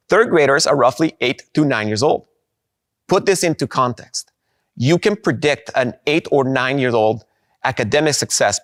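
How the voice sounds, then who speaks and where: A man delivers a conference keynote in a mid-range voice. He is upbeat and slows down to land his key points. The sound is dry and close, with no room echo. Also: mid-range voice. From Guatemala. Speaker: presenter of a product.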